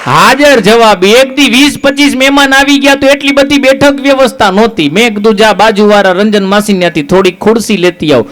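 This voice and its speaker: Male stand-up comic, high voice, storytelling jokes on a live stage. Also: brisk, hardly any pauses, fairly bright tone, a faint crowd. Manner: storytelling jokes with quoted dialogue. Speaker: stand-up comedian.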